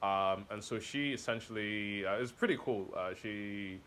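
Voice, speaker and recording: A man with a fairly low-pitched voice answers interview questions in a relaxed, casual way. He often stops to search for words, filling the gaps with "um" and "uh" and restarting phrases as he thinks aloud. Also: a little slow, a little hiss or hum. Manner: hesitant, with many fillers and restarts. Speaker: interview guest, comic author.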